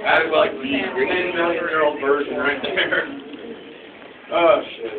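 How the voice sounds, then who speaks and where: A high-voiced man tells crude, profanity-laced jokes to a room and laughs often. He sounds far from the mic, on a thin, phone-like recording. The room echoes and a crowd murmurs behind him. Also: steady tone, a little slow. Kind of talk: crude comedic talk to a room. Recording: distant, tinny recording with loud crowd.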